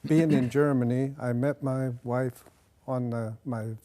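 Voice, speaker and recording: Speaking through a lapel mic in a quiet, dark-backdrop studio, this older Nebraskan, a retired army officer, gives interview answers about his time in service. His delivery is unhurried, measured and plain, dotted with small fillers and pauses. The voice is mellow and warm, with an ordinary middle pitch and a steady tone.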